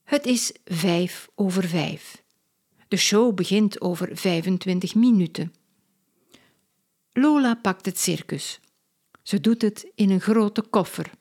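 A woman reading a children's story aloud, clear and sing-song, sentence by sentence. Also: mid-range voice, takes it slowly, pauses often, a little mellow.

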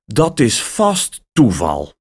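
A man's voice: mid-range voice, huge pitch swings, slow pace, a little mellow, slightly rough, heavily acted. A man voicing a young boy in a children's story who often loses and sulks about it. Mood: delighted. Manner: sulky and sighing.

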